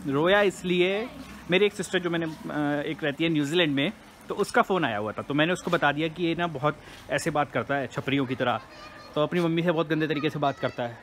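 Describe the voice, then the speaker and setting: A man's voice: a little high, a little fast, fairly bright tone, a little hiss or hum. A young man chatting casually to his viewers in a vlog, talking straight to the camera and teasing the people around him. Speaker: vlogger.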